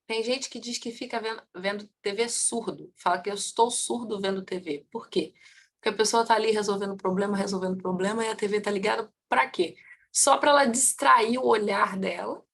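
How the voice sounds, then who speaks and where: A woman teaches a class in a lively way. She speaks in a middle pitch and swings between loud and quiet, quick and slow. She poses rhetorical questions to her students and answers them herself. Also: creaky. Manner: lively, swings in loudness and pace. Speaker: family constellation teacher.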